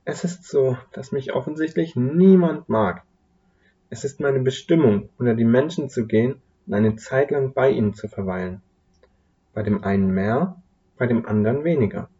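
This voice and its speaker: A man voicing a weary female figure who personifies Sadness, speaking hesitantly and softly in a slightly muffled recording. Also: mid-range voice, moderate pace, lightly acted. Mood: despondent. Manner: hesitant, despondent, quietly whispered.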